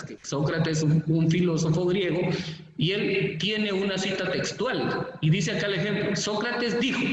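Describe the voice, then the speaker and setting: A man with a Guatemalan Spanish accent teaching a school lesson, explaining patiently with many examples and fillers. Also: sits high. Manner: explanatory, repeats and lists examples, uses fillers like pues. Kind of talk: spoken classroom lesson. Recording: echoey room, far from mic, faint noise.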